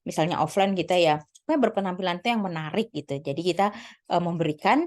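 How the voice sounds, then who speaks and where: A woman's voice: lowish voice, quick pace. A woman giving a casual spoken lesson on presenting, chatty, with many fillers and restarts. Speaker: lecturer giving presentation tips.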